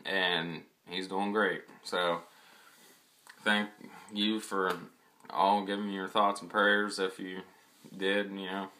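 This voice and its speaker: A man's voice: low-pitched, level tone, takes it slowly, pauses often, bright, forceful tone. A young man in casual, rambling chat, talking with a wad of tobacco in his mouth. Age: young adult. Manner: laid-back, rambling with fillers and repeated "I". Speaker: vlogger reviewing chewing tobacco.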